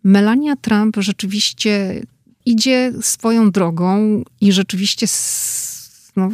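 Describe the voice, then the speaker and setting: A woman reporter talking casually and with animation about an event she attended, quick to push back in discussion. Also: mid-range voice, a little mellow, no room sound, clean studio sound. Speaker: correspondent.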